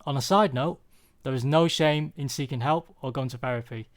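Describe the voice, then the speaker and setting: A young British-born man from the UK gives a prepared personal talk in a medium-pitched voice. He sounds earnest and confessional, choosing his words with care.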